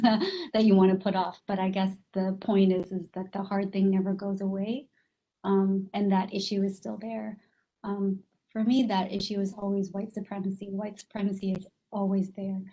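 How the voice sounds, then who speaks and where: A woman speaks in a panel discussion, hesitant and full of fillers and restarts. Her voice is mellow and keeps to a narrow, flat pitch. The audio is dull and lo-fi. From South Korea. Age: adult with a child.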